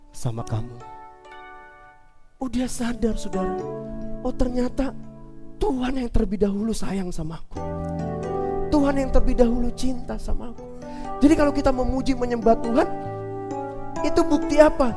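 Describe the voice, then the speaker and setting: A man's voice: high-pitched, in a large hall. A male pastor preaching a Sunday sermon in church, telling stories and acting out the people in them, then exhorting the congregation. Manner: animated storyteller, acting out the people he quotes; fervent exhorting over worship music at the close. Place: church service.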